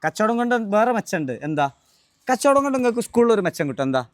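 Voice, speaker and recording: A man, hosting a casual vlog outdoors at a roadside stall and gently teasing children with questions. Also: high voice, big pitch swings, quick pace, no room sound. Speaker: vlogger host.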